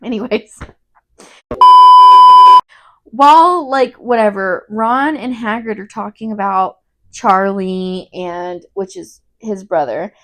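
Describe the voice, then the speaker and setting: A woman co-hosting a casual book review chat, retelling the story in an animated way and saying "like" constantly. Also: mid-range voice, slow, pauses often. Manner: animated retelling, heavy use of "like". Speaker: podcast co-host.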